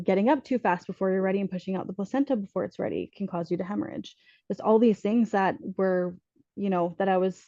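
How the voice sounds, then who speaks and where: A woman on a podcast sharing a personal story earnestly, pausing often with ums and restarting her sentences. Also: mid-range voice, mellow, no echo, highs cut off. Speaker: podcast guest telling her birth story.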